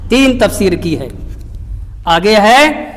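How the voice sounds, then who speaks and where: Very high-voiced man preaching in a reverberant hall. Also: lively intonation, fairly bright tone. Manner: recites Arabic verses slowly, then explains in repetitive teaching phrases. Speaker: Islamic preacher. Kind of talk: Quran commentary sermon.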